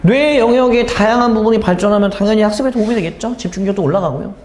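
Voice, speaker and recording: A man's voice: sits high, racing, darkish tone, reverberant. A man teaching an English exam lesson, asking the students questions and then answering them himself. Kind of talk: exam explanation lecture.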